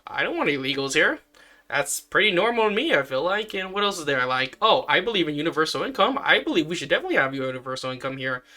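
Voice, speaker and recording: A man talking in a casual commentary vlog, rambling with many fillers and sudden jumps up in pitch. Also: big pitch swings, fast talker, sharp tone. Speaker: vlogger.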